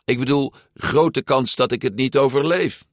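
A man's voice: mid-range voice, moderate pace, no echo, studio quality, pitched above the performer's own voice, lightly acted. A man reading a storybook aloud, voicing a timid, anxious teenage sea-monster boy who hesitates and apologizes. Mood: nervous.

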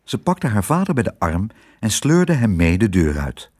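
A man narrating a children's story aloud in an expressive way. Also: on the low side, normal speed, slight background noise. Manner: expressive reading. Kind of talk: audiobook narration.

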